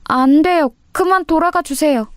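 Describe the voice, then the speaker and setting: A woman's voice: sits high, moderate pace, no echo, clean studio sound, pitched above the performer's own voice, natural voice. A woman voicing a timid, frightened schoolgirl who pleads tearfully in a narrated audio story.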